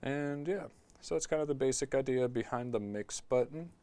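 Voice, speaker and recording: A fairly quick, mid-range male voice explains music production casually through a studio talkback mic. He's relaxed and keeps dropping "like" and "um" as he goes.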